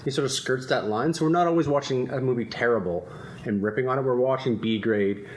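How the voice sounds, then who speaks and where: A podcast host with a medium-pitched, fairly quick voice chats casually with friends in a room, laughing a lot and wandering off topic. The recording has an echoey sound and faint ambient noise.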